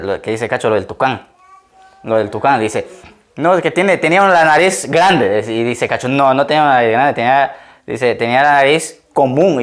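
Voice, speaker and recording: Male pastor, conversational sermon, quizzes the congregation. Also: mid-range voice. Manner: conversational, asks the congregation questions; laughs often while telling stories.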